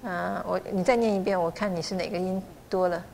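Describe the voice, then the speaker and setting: A woman's voice: fairly low pitch, fairly even intonation, gravelly, darkish tone, a little hiss or hum. Patient woman coaching chant pronunciation. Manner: patient and encouraging, sounds out syllables slowly. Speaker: chanting teacher. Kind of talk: pronunciation lesson.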